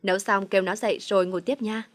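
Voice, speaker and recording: A kindly elderly woman who owns the villa, giving her household calm, gentle instructions in an audio storybook, voiced by a woman narrator. Her voice stays at a middle pitch. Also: fast talker, no room sound, lightly acted.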